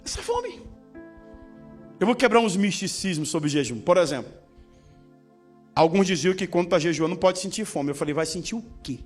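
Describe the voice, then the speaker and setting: A man's voice: high-pitched, lively intonation, fairly quick, faint music behind. A male pastor preaching a sermon, joking and calling for responses from the congregation. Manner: humorous, with call-and-response to the congregation.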